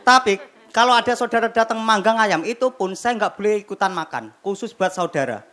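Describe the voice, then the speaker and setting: A young man performing a stand-up comedy set on a TV studio stage, telling animated stories with acted-out voices and sound effects. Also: high-pitched, a little fast. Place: television studio stage with live audience. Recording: noisy broadcast with loud crowd laughter. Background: audience laughter.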